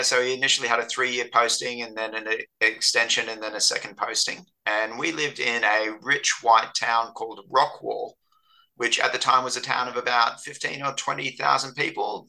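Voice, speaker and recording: A man's voice: medium pitch, steady tone, moderate pace, vocal fry, pushed and bright, low-quality recording. An Australian man with a slightly Americanized accent, chatting casually as a guest, full of fillers and restarts. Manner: hesitant, many fillers and restarts. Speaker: interview guest. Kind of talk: casual conversation.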